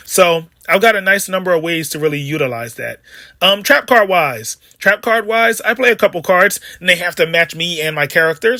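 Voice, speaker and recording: A man with a high, bright voice rambles through a casual card game deck breakdown, cracking jokes and wandering into asides. The sound is close and dry, with no room around it. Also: no room sound. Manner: rambling, chatty, jokey asides. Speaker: card game video host. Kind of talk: casual deck profile commentary.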